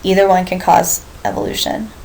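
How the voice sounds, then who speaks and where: A woman's voice: lowish voice, level tone, brisk, gravelly, a little mellow, slight background noise, low-quality recording. A woman lecturing a biology class, explaining step by step, asking the students questions and reminding them of earlier material.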